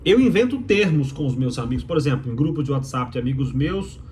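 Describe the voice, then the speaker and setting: Animated and brisk, this medium-pitched, slightly mellow male voice has a little hiss or hum behind it. The speaker, a doctoral student from Minas Gerais speaking Mineiro Brazilian Portuguese, delivers an opinionated explainer to viewers, emphatic, rhetorical, and repeating key phrases.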